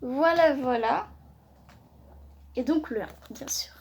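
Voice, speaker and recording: A woman chatting excitedly on a casual unboxing vlog, often exclaiming and repeating herself. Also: sits high, slow pace. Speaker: vlogger.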